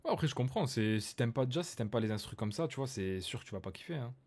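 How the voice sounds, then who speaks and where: A man's voice: medium pitch, expressive, quick pace, a little mellow. A man hosting a rap reaction video, chatting casually with many fillers and restarts, hyping up his viewers.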